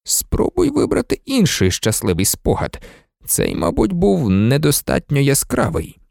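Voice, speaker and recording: A man doing a gentle weary teacher. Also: wildly swooping pitch, creaky, no echo, studio quality, exaggerated voice. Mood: calm. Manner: soft, low, measured. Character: kind, weary adult male teacher, calm and gentle.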